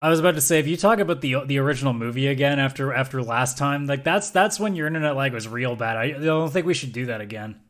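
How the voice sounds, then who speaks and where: A man's voice: medium pitch, quick pace, few pauses. Blunt, opinionated man. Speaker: podcast co-host. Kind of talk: casual chat.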